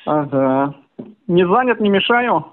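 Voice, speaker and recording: A man's voice: high-pitched, lively intonation, slow pace, dry recording. A man from Russia on a casual phone call, agreeable and rambling, with many hedging filler phrases. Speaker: caller. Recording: tinny, dry phone line.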